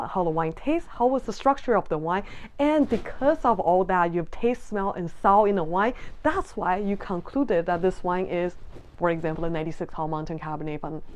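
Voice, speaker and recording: Speaking at medium pitch, a sommelier vlogger born in Taiwan gives a casual to-camera explanation of sommelier exams. She's warm and earnest, frequently pausing with ums and restarting her sentences.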